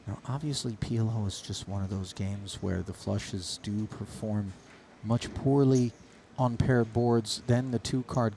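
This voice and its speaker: A man's voice: medium pitch, warm tone, a little hiss or hum. A man giving play-by-play poker commentary with wordy, ornate phrasing.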